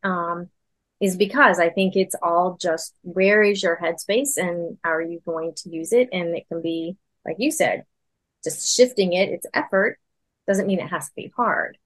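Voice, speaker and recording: A woman's voice: fairly low pitch, unhurried, fairly bright tone. A woman hosting a podcast, speaking in a casual, affirming way and encouraging her guest. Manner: affirming and encouraging, short backchannels. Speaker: podcast host. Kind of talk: casual conversational interview.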